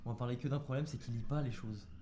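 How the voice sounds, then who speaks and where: Fast-talking young Frenchman, joking. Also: mid-range voice, warm tone, a little hiss or hum. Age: young adult. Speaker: streamer and co-founder. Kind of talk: casual group chat.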